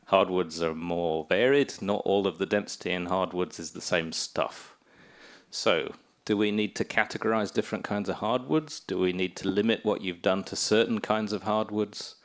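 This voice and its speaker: A man with a very deep voice asks the panel a question from the audience. He lays out his point clearly and finishes with a wry joke. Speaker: audience member asking a question.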